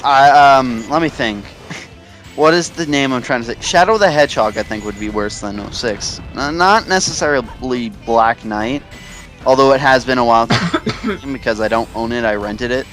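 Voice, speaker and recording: A man, heard over a voice-call headset, chatting about games in a halting way that keeps stopping and restarting. His voice sits at an everyday middle pitch, with a faint bed of game music behind him. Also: expressive, a bit bright. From Canada. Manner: halting, talks in stops and starts. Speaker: co-commentator. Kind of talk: casual gaming chat.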